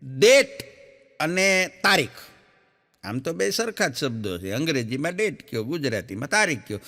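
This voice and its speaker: Lively man telling jokes. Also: a little high, normal speed. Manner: lively storyteller, acts out quoted characters, laughs at own punchlines. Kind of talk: stand-up joke telling. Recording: echoey hall sound.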